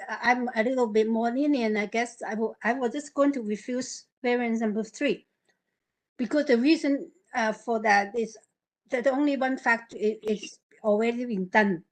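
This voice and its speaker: A woman on a planning committee giving halting remarks, often repeating words. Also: on the high side, rough recording. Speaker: committee member. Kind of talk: formal hearing remarks.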